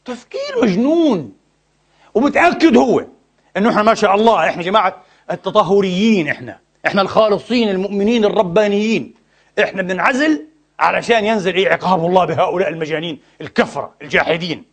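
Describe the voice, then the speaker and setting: A man giving an impassioned religious lecture, scornful and full of rhetorical questions, jumping from loud outbursts to near-whispers. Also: sits high, lively intonation, quick pace, husky. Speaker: preacher.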